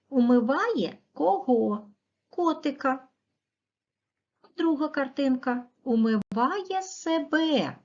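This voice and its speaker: A woman teacher from Ukraine giving a recorded video lesson to children, speaking clearly and slowly and stressing word endings. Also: high voice, darkish tone. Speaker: primary school teacher. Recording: dull, muffled lo-fi audio.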